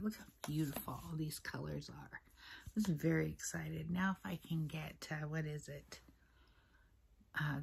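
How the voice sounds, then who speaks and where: A woman vlogger chatting casually through her makeup routine in a soft, half-whispered, rambling way, recorded at her mother's place on the camera's own mic without a separate microphone. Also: low voice, creaky, slight background noise. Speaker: beauty vlogger. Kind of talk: casual get-ready-with-me makeup chat. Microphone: built-in camera mic, no separate mic.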